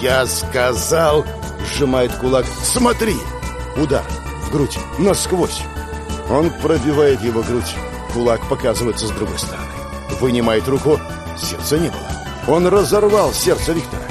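Man, audiobook narrator, tense clipped delivery, mid-range pitch, music behind. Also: lively intonation, moderate pace. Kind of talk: scripted dramatic narration. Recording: narration over background music.

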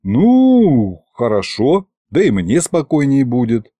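Brief: male reader as a teasing young hero, lively delivery, dry audiobook sound. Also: mid-range voice, slow pace, no echo, heavily acted. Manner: wry, teasing. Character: wry young man, the first-person hero.

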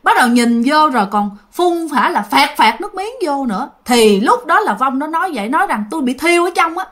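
A woman's voice: high-pitched, fairly quick. A woman telling a ghost story casually, speaking directly to her listeners. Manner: animated, addresses listeners directly.

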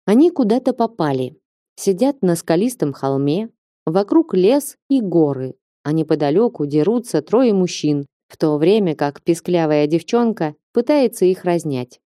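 A woman reading an audiobook with even, measured narration. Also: on the low side, no room sound, clean studio sound. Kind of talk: scripted narration.

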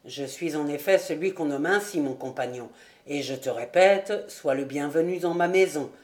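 A woman's voice: darkish tone, close to an everyday voice. A woman doing a grave, secretive charcoal burner. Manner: slow, grave and low. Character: mysterious old male charcoal burner, calm and secretive. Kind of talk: audiobook character voice.

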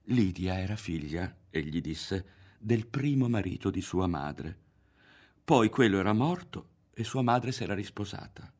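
Audiobook narrator, male, low voice, very expressive rise and fall, dramatic literary reading. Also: a little slow. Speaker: audiobook reader. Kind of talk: scripted narration of a novel.

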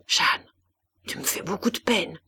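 Lady reading quiet gentle mom, holds herself back, soft voice. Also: deep voice, fairly even intonation, slow pace, no echo. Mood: sad. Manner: soft, restrained. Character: gentle, composed young mother.

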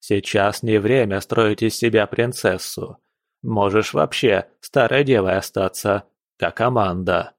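A man's voice: fairly low pitch, a little slow, no room sound, clean studio sound. A man voicing a stern, commanding aristocratic father at the head of his family.

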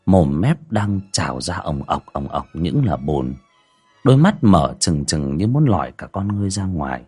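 A man's voice: deep voice, husky. A man hosting a livestream, reading a village ghost story aloud with dramatic storytelling. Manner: dramatic storytelling with lively rises and falls.

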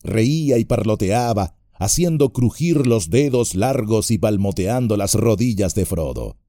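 A man narrating an epic fantasy audiobook in a measured, expressive storytelling manner. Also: lowish voice, dry recording, studio quality.

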